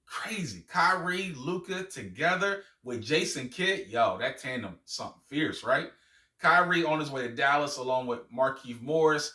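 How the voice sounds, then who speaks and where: An animated man runs through sports news in a teasing, chatty way, with quiet asides. His voice is bright and forceful. He sits a little back from the mic in an echoey room. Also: medium pitch, normal speed, recorded from a distance. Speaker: sports podcast host. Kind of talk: casual sports commentary.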